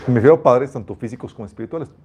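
Male pastor, middle pitch, warm tone; emphatic sermon delivery with scripture readings. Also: racing, breathy edge. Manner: earnest, emphatic preaching with repeated restarts.

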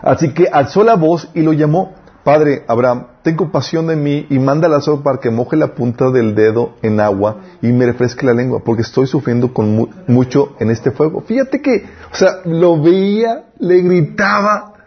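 A man's voice: on the high side, moderate pace, breathy edge, lo-fi sound. A man teaching an informal Bible class in a conversational way, often checking with the class for agreement. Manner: conversational, asks the class for confirmation.

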